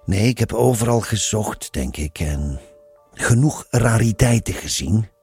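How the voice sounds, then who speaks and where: A man's voice: lowish voice, animated, unhurried, darkish tone, breathy edge, soft background music, voice pushed up, full character voice. A man voicing a curious, cynical man questioning a nun. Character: curious, searching adult man.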